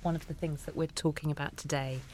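A woman's voice: deep voice, steady tone, fast talker, a little mellow, slight background noise. A woman hosting a panel discussion, asking probing questions and searching for words. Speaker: host.

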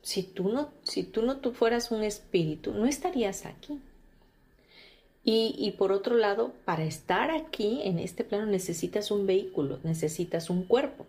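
A woman's voice: medium pitch, animated, moderate pace, hardly any pauses, a little mellow. A woman giving an informal religious teaching, speaking directly to the listener with frequent fillers and restarts. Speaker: spiritual teacher.

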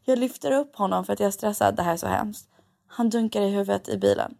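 A young Swedish woman tells everyday stories in relaxed chat, her voice gravelly with fry. She keeps dropping English phrases into her Swedish with lively energy. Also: mid-range voice. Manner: mixes English phrases into Swedish, animated storytelling. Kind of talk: casual chat.

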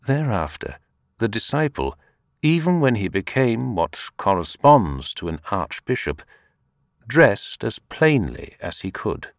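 A man reading short spiritual tales aloud as an audiobook narrator, unhurried and expressive. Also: lowish voice, dry recording, studio quality.

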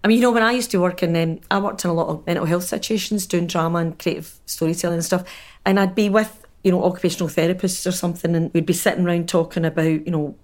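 A Scottish woman who works in drama and storytelling, telling anecdotes in an animated way during a casual conversation. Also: lowish voice, fast.

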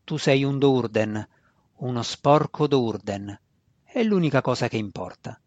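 A bitter, vengeful dark elf wizard, as a man reads him in a storybook, raising his voice in a snarl. The sound is dry and a bit dull. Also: medium pitch, unhurried, no echo, lightly acted. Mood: furious.

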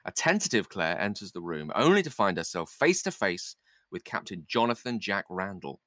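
A man's voice: deep voice, sing-song, normal speed, sharp tone, dry recording, studio quality. A man reading stage directions in a script read-through, dropping in casual asides.

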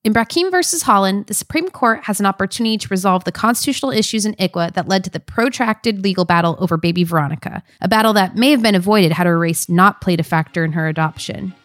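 A woman's voice: medium pitch, fast talker, hardly any pauses, a bit bright, no echo. Woman podcast host, dry and close. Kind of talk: scripted narration and casual banter.

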